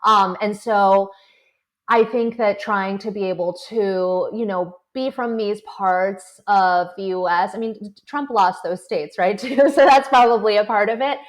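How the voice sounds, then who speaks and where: A woman, a political correspondent, chatting as an interview guest, laughing often and filling pauses with "um" and "you know". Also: mid-range voice. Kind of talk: conversational interview. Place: South Florida.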